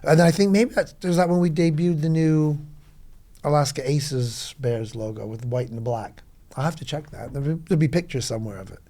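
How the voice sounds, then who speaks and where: A middle-aged man rambling through club memories in a casual podcast chat, full of quick asides. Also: a little high, mellow. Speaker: club veteran guest.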